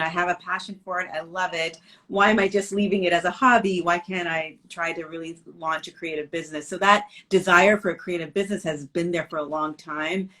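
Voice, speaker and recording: Speaking with a fairly low, slightly bright voice, a middle-aged business owner from Canada gives a casual interview over video call. She uses lots of fillers and often restarts her sentences.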